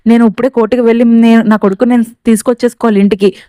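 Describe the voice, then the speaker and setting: A woman's voice: fairly high pitch, steady tone, very fast, mellow, no echo, lightly acted. A woman voicing an earnest young mother who implores her in-laws for their blessing. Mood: imploring.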